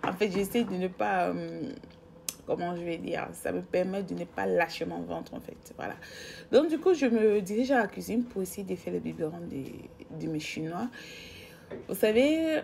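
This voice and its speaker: Woman from Equatorial Guinea, chatty home vlogger, low and a little gravelly, rambles straight to camera. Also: animated, moderate pace, mellow. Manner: chatty, rambling, talks to viewers directly. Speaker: vlogger and mother. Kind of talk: casual home vlog. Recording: noisy home recording.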